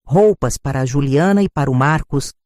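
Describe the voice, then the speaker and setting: An older woman narrating her own story in a hurt, measured way. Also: extremely low pitch, darkish tone, no room sound, studio quality. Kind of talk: scripted first-person narration.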